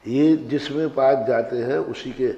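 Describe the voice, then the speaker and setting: A man's voice: mid-range voice, measured pace, mellow. A man teaching a grammar class, quizzing his students and drilling them on pronunciation. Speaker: religious teacher. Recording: roomy hall, dull lo-fi sound.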